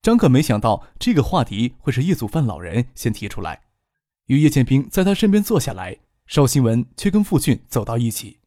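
Steady male audiobook narrator, dry sound. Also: medium pitch, no echo. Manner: steady, unhurried storytelling.

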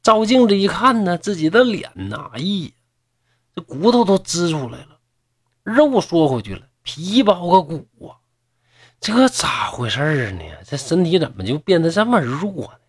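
Lively, husky storyteller man. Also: high voice, normal speed. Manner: chatty, lively, mocking asides. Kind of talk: folk-tale storytelling with asides.

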